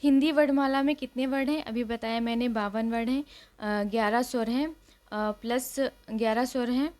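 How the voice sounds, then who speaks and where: A woman's voice: a little high, fairly even intonation, moderate pace, a little mellow. A woman teacher giving an exam revision lesson, repeating each rule and quizzing her listeners. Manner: repeats rules and asks questions to the class.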